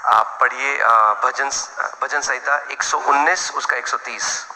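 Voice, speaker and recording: A man's voice: medium pitch, fairly even intonation, a little slow, background noise. A man preaching a sermon as pastor, blunt and direct, calling out questions to the congregation. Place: church hall. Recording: echoey hall, long reverb.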